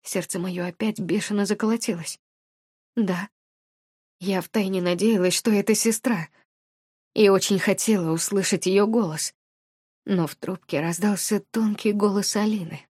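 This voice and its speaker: A woman narrating a first-person story in a hushed, tense way. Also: mid-range voice, steady tone, moderate pace, breathy edge, no room sound, clean studio sound.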